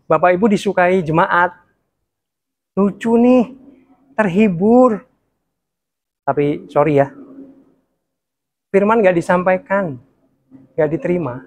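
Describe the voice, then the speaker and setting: A man with a touch, teaching beginners how to preach in a lively workshop style, swinging his pitch up and down and laughing often. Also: moderate pace, long pauses. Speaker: preaching trainer. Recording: echoey room sound.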